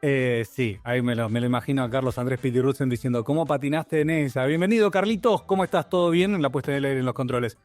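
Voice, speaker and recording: Joking radio co-host. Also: male voice, mid-range voice, fast, few pauses, a little mellow, no echo, faint music behind. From Argentina. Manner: joking, playful banter. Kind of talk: casual radio chat. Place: radio studio.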